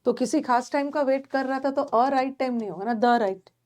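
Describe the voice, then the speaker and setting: A woman's voice: sits high, moderate pace, darkish tone. A woman teaching English grammar in an online exam-prep lesson. She speaks with an Indian English accent, explains step by step in a mix of Hindi and English, and repeats her points to check the class is following.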